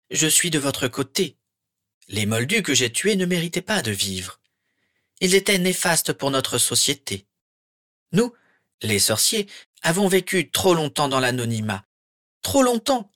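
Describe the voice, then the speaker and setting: A man voicing a cold, menacing dark wizard with a high, silky, hissing voice. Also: no room sound, studio quality, heavily acted. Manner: slow, honeyed, threatening. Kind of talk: audiobook character voice.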